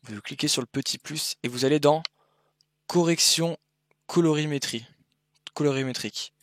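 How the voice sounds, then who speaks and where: A young man talks through software settings in a loose, chatty tutorial voice over a screen capture. His delivery is informal and rambling, full of fillers and quick self-corrections. The sound is dry, with no room around it. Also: on the high side, no room sound. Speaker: streaming tutorial creator. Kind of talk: casual screen-recorded tutorial.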